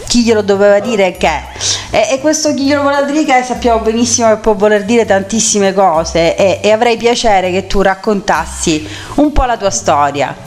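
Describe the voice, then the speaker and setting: A woman hosting a conversational radio interview, effusive, with halting, repeated phrases. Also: medium pitch, darkish tone, faint music behind. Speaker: radio host.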